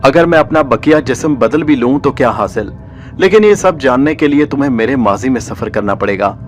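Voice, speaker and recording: A man narrating a story in the first person, measured and formal, with literary diction. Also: mid-range voice, faint music behind.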